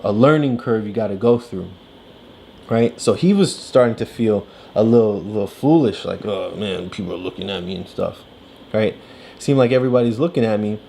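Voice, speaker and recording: In a very deep, dark voice, a woman guides a child through a picture book in a casual coaching chat about the story. She is encouraging but also lectures, frequently checking in with "right?".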